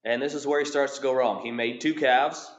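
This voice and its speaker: A man preaching a sermon and reading scripture in a measured, steady way, sounding a little under the weather with a cold. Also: mid-range voice. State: has a cold. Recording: echoey, slightly muffled church recording.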